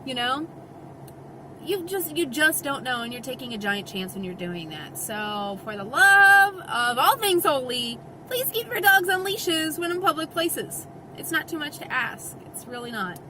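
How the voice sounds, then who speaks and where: A woman's voice: sits high, very animated, moderate pace, background noise. A woman vlogger ranting to camera in an exasperated, emphatic way, talking out of the side of her mouth with part of her face numb. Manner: exasperated, emphatic, acts out quoted voices. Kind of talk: casual rant to camera.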